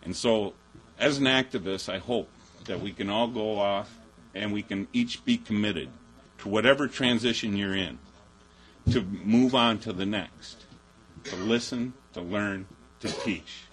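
A man's voice: lowish voice, unhurried, fairly bright tone, breathy edge, poor audio. A man speaking as an activist at a public gathering, earnest and repetitive, building up to a message. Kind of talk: public speech.

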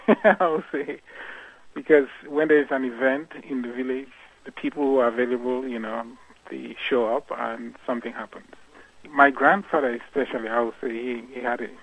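A guest musician from Cameroon speaks thoughtfully in a radio interview, full of fillers and restarts. His voice is medium-pitched with no echo, heard over a tinny phone line.

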